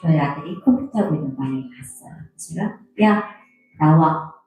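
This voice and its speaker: A middle-aged woman giving a personal testimony in church, telling her story in an animated way and acting out the quarrels, in a very echoey hall with faint music. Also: low-pitched, quick pace, creaky.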